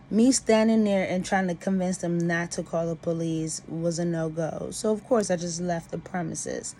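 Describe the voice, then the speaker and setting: A woman's voice: fairly low pitch, warm tone, a little hiss or hum. A woman venting about personal grievances to camera in an emphatic, aggrieved way.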